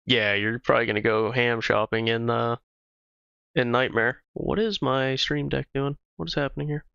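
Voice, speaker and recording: A man's voice: medium pitch, fairly even intonation, moderate pace, vocal fry, bright, forceful tone, clean tone, dry recording. A man livestreaming a game, chatting casually with viewers in a loose, profane way. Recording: slightly dull stream audio with music.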